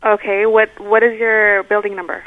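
Polite office receptionist, a woman, on a thin phone line, even middle pitch. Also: normal speed, no echo. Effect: heard over the phone.

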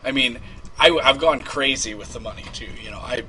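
A man's voice: mid-range voice, fairly quick, crowd noise, natural voice, poor audio. A man playing a creepy, unhinged rich young man who rambles and stammers through filler words in a prank-call comedy bit. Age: 20s.

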